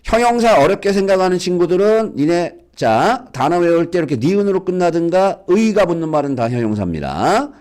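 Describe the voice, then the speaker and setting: A man's voice: high-pitched, a little fast, hardly any pauses. A man teaching a basic English reading lesson to schoolchildren, coaxing them along with frequent questions. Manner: lively, coaxing, asks students questions. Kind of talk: lecture for school kids.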